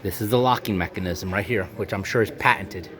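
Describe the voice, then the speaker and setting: A man vlogging casually from inside a resale store, excitable and chatty, talking to his viewers as folks. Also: on the low side, a little fast. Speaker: vlogger touring a thrift store. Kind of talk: casual vlog narration.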